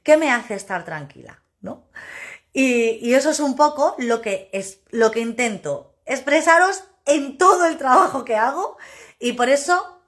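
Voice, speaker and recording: A woman, hosting a casual live stream as a personal development coach, talking loudly and emphatically and laughing often. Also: high voice, expressive, unhurried.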